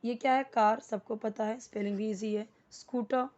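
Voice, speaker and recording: A woman teaching English to beginners, patiently repeating each word slowly and breaking it into parts. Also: on the high side, fairly even intonation, darkish tone, muffled recording. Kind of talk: spoken English lesson for beginners.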